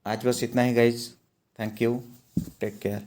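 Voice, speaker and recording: Guy teaching math real slow, low mellow voice, keeps asking "got it?", keys clicking behind. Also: level tone, a little hiss or hum. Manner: slow, repeats steps and checks in with "है ना". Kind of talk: whiteboard math lesson.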